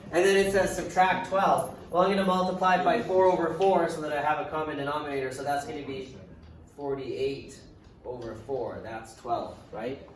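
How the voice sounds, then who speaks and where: A man's voice: a little high, fairly even intonation, moderate pace. A man teaching math to a class in a casual, chatty way, thinking aloud as he writes and dropping dry sarcastic remarks. He sounds distant from the mic in a very echoey classroom. A faint hiss sits under his voice. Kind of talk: classroom lecture.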